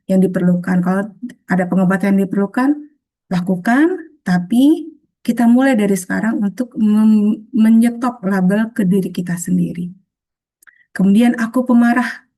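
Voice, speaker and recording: A woman teaching a healing webinar over a video call in a soft, patient way, often calling her listeners friends and acting out short bits of self-talk in a higher voice. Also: moderate pace, long pauses.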